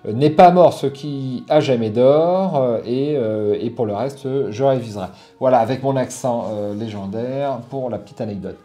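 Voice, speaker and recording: A man's voice: medium pitch, normal speed, hardly any pauses, mellow, faint music behind. Hesitant French man reviewing board game accessories. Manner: hesitant, many fillers and restarts. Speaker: board game channel host. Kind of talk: casual product review.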